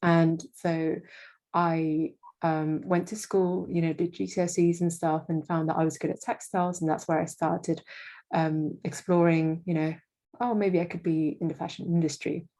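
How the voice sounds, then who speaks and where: A woman's voice: on the low side, level tone, moderate pace, warm tone. A young woman from Indonesia, a freelance marketing manager, answering interview questions in a casual, hesitant way with many fillers and restarts.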